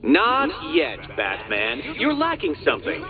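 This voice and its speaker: A man's voice: high-pitched, wildly swooping pitch, measured pace, narrow, tinny audio, exaggerated voice. A man acting as the Riddler, a pompous, vindictive genius villain in a video game, condescending and gloating in theatrical, grandiose tones. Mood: taunting, impatient. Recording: thin band-limited game audio under loud music.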